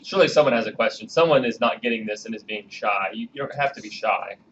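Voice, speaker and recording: Speaking fast in a mid-range voice, this thirtysomething man runs a programming lecture in a classroom. His tone stays casual and talkative as he nudges the students toward questions. Faint hiss sits under a dull, lo-fi recording.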